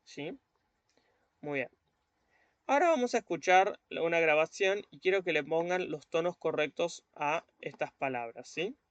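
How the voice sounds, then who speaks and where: A man teaching an online language lesson, patient, repeating words slowly and often checking that students follow. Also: a little high, expressive, dry recording, highs cut off. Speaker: Chinese teacher.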